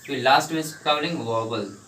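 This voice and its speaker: A man's voice: medium pitch, quick pace, pushed and bright, a little hiss or hum. Male teacher drilling a class, echoey room. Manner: repeats questions to the class and answers them himself. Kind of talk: classroom lesson explaining English grammar in Hindi. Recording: echoey room, mic at a distance.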